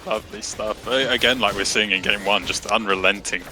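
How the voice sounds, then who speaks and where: A man's voice: fairly low pitch, fairly even intonation, fairly quick, music in the background. A British man casting a live esports match, chatty and self-mocking. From Britain. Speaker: esports caster.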